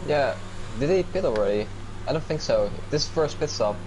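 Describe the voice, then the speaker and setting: A man's voice: expressive, moderate pace. A man giving casual live race commentary as a co-commentator on a stream. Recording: noisy mic with car engine rumble.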